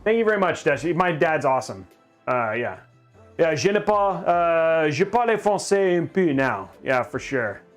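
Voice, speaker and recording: A man's voice: a little high, sing-song, moderate pace, soft background music. A middle-aged man hosting a live stream, chatting casually and rambling, often restarting his sentences as he reads viewer questions. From grew up in Japan. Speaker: livestream host.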